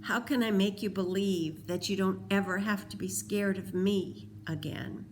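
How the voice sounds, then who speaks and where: A woman's voice: medium pitch, steady tone, unhurried, darkish tone, a little hiss or hum, close to an everyday voice. A woman reading aloud voices a remorseful teenage boy who pleads earnestly. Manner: pleading, earnest, then whispering.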